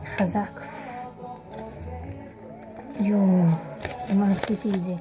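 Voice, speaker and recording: A girl in her early teens chatting casually to the camera in a home video, often searching for words and getting excited. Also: medium pitch, over music. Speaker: vlogger. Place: home bedroom.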